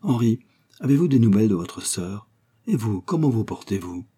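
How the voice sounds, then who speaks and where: A man voicing a gentle, wistful young noble lady in an audiobook, with soft, earnest courtly speech. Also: on the low side, sing-song, moderate pace, husky. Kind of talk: audiobook character voice.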